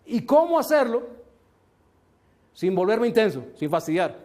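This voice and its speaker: A man with a strikingly high voice lectures a seminar crowd, talking right at the listeners. His delivery is that of a motivational business speaker who tells stories to make his points. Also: very animated, unhurried, darkish tone. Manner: storytelling, addresses the audience directly. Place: seminar room with a live audience.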